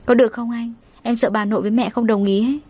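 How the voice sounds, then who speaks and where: A woman's voice: on the high side, fairly even intonation, quick pace, a little mellow, lightly acted. Woman reader as a timid, polite young wife. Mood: worried. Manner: meek and polite.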